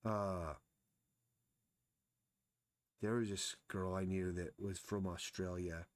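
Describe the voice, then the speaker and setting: During a live drawing stream, a man with a deep voice talks through anatomy as he sketches, thinking aloud in a casual way. His intonation is fairly even, he takes it slowly, and the recording has no room sound.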